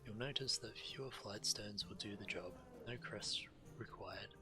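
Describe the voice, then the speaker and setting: In a fairly low, slightly slow voice, this man streams a video game, reading quest text aloud and commenting in a plain, low-key way. The game's music sits faintly behind him.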